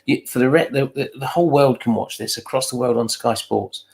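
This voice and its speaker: A man's voice: medium pitch, brisk, gravelly, a little mellow. A man co-hosting a live fan stream, bluntly criticising his team and asking rhetorical tag questions. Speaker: fan channel co-host. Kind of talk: live fan match commentary.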